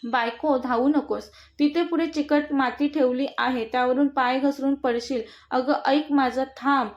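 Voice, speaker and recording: Brief: a woman reading a cocky young husband, mocking and bossy, high voice, dull lo-fi sound. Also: fairly even intonation, unhurried. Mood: teasing, bossy. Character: brash teasing young husband. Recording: dull lo-fi recording.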